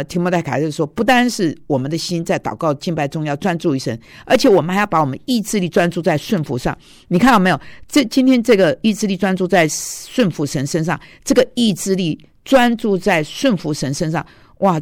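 A woman's voice: on the low side, no echo, clean studio sound. A woman in her sixties, a seminary teacher, gives an earnest, confessional devotional talk, dropping her voice to quote others. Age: 60s. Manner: earnest and emotional, drops her voice for quoted speech.

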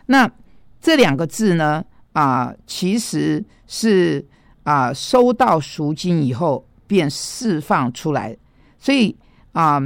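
A man delivers a teaching sermon in a slightly high, gravelly voice. He unpacks word roots and drives points home with emphatic asides to his listeners. The sound is dry and close. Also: no room sound. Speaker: preacher.

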